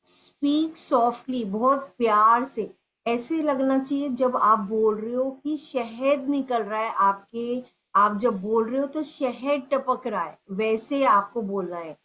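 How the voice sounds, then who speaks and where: A middle-aged woman giving a gentle spiritual talk as a meditation teacher, slow and teacherly, full of everyday examples. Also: a little high, low-quality recording. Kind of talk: spiritual talk mixing Hindi and English.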